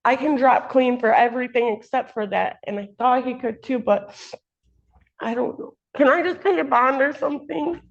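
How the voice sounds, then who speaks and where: A woman's voice: high voice, moderate pace, vocal fry. A woman making an unscripted, informal plea in court, insistent and colloquial. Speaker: defendant's partner pleading in court. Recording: dull, muffled lo-fi courtroom audio.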